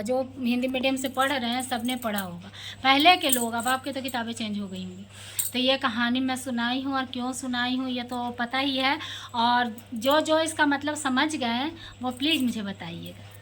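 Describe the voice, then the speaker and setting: Woman vlogger, casual storytelling, high voice, chatty. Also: a bit bright, a little hiss or hum. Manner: chatty, addresses viewers directly.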